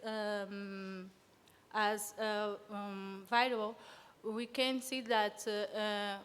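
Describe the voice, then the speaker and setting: In a reverberant conference hall, a woman from São Tomé and Príncipe presents an academic talk, nervous and hesitant, filling her speech with fillers. Portuguese is her first language, and her voice is smooth, on the high side, and fairly bright.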